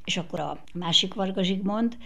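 An older woman interviewed on radio, reminiscing in a measured storytelling manner. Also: mid-range voice, vocal fry, bright, forceful tone, dull audio.

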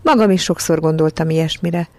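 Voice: mid-range voice, lightly acted. A storyteller voicing a grave, friendly older chief in a storybook reading, speaking solemnly.

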